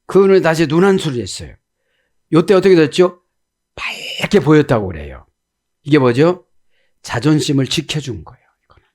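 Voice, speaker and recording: A male pastor delivers an expository sermon in a voice pitched a little higher than most men. His intonation leaps around animatedly, and he keeps turning to the congregation with rhetorical questions. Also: expressive, moderate pace, pauses often, a little mellow. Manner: constantly asks the listeners rhetorical questions; acts out the biblical quotes with shifts in pitch.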